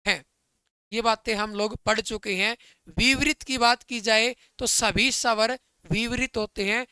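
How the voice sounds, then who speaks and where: A man leads an online exam-prep grammar lesson in a bright, crisp voice that sits high for a man. He calls his listeners brother and dear friends and keeps asking whether everything is clear. The sound is dry, with no room echo. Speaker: Hindi grammar teacher.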